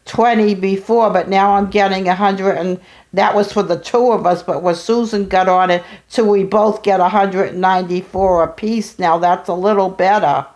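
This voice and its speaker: A woman's voice: medium pitch, fairly even intonation, normal speed, darkish tone. An older woman talks casually in a family phone conversation, rambling and repeating herself. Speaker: mother on a family phone call.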